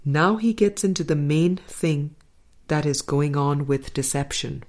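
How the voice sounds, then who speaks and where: A woman slowly and deliberately reads a spiritual book aloud, pausing between passages to add commentary in a measured, audiobook-like style. Her low, soft-spoken voice tends to trail off quietly at the ends of phrases.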